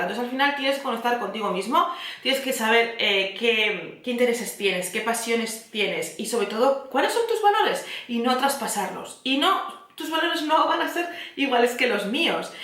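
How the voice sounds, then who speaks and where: A woman's voice: a little high, sharp tone. A woman podcast host giving a candid, confiding motivational talk. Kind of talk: motivational self-help talk. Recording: echoey room.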